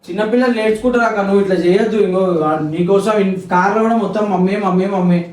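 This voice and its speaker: Fast, coaxing Telangana man. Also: high-pitched, steady tone, a little mellow, soft background music. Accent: Telangana Telugu. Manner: coaxing, placating. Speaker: family vlog regular. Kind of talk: casual family talk. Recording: roomy echo from far off.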